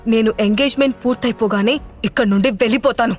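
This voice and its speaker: A woman's voice: fairly high pitch, quick pace, faint music behind, close to an everyday voice. A woman voicing a cold, defiant young mother who speaks firmly in an audio drama. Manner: cold, firm.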